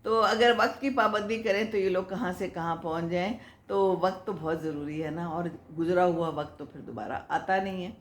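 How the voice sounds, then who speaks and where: A woman's voice: fairly low pitch, few pauses, slight background noise. Chatty older woman in an echoey room. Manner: chatty, motherly, moralizing, laughs often. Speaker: host answering viewer comments. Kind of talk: casual advice talk.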